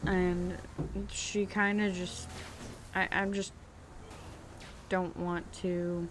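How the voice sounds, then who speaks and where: This young vlogger speaks in a fairly low, barely shifting voice, stretching her words out over some background noise. Sitting in her bedroom with a driving game going, she shares a hesitant, self-deprecating story time full of ums and false starts.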